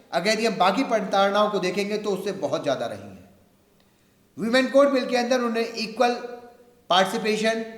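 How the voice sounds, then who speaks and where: A man's voice: sits high, fairly bright tone. A man giving an earnest public lecture, speaking with emphatic rhetorical repetition and mixing in English phrases. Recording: echoey hall.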